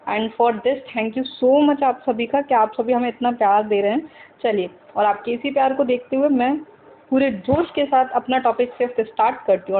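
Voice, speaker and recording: A woman's voice: on the high side, slight background noise. Woman teaching English over a thin phone-like line. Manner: slow, repeats example sentences several times; keeps asking the viewers questions. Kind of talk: spoken English lesson for Hindi speakers.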